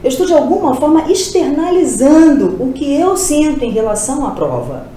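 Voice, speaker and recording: In a roomy, echoing space, a Portuguese teacher runs an exam-prep lesson, posing rhetorical questions and answering them herself right away. Her voice is high-pitched and expressive with a dark tone, and there's a faint hiss or hum.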